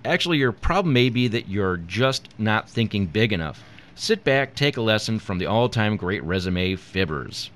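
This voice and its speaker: A man's voice: lowish voice, very animated, moderate pace, fairly bright tone. A man co-hosting a talk show, reading a scripted comedy segment aloud and sometimes stumbling over words. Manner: reads from a script with stumbles and laughs. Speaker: co-host.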